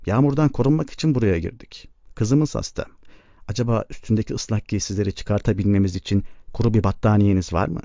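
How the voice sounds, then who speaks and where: A man reading as a firm steady farm mother. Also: fairly low pitch, quick pace, no echo, natural voice. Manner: firm, calm and caring. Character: weary steadfast farm mother, middle-aged woman. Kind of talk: audiobook reading. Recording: dull lo-fi recording.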